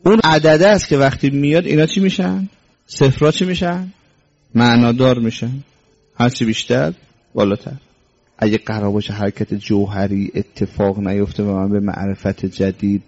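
A man's voice: on the low side, warm tone. A man preaching a religious sermon, quoting Arabic scripture and then explaining it, repeating his key words and asking rhetorical questions, sometimes sternly scolding. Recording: dull lo-fi recording.

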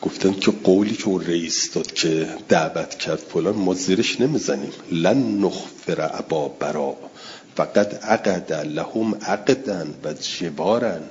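A very low-voiced man teaches a class, reading out old passages and then breaking them down in plain speech. He stops now and then to answer questions with a quick yes or no. The recording is dull and muffled, with a faint hiss of noise underneath. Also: darkish tone. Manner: answers listeners' questions with repeated yeses and noes. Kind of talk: classroom text-study lesson.

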